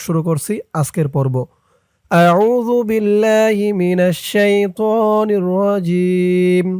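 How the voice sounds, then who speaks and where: Bangladeshi male Quran teacher, high, unhurried, spells letters then chants each word long, dry close recording. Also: mellow, dry recording. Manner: spells out letters, then recites drawn out and higher. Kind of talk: slow syllable-by-syllable recitation lesson.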